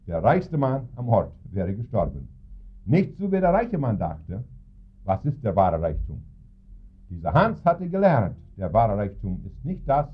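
A middle-aged man preaching a sermon, telling stories with lively, emphatic intonation. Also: fairly low pitch. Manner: storytelling, lively intonation with sudden emphatic rises. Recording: tinny phone-like sound.

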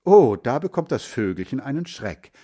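A man reading a children's storybook aloud in a slow, expressive way. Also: mid-range voice. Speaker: narrator.

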